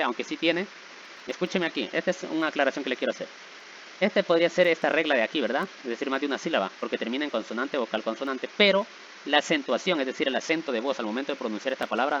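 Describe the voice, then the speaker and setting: A man's voice: medium pitch, fairly bright tone, slight background noise. Patient man teaching, slightly dull recording. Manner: patient, repeats checks like "¿verdad?" and "¿sí?". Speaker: English teacher. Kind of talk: explaining grammar rules.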